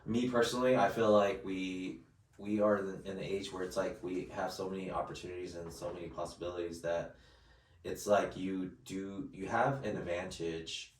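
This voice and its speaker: A man's voice: low-pitched, steady tone, normal speed, distant mic, a little hiss or hum. A man in his late twenties co-hosting a casual podcast chat, rambling with many restarts and fillers. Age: late 20s. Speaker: podcast co-host. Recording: roomy sound, mic set back.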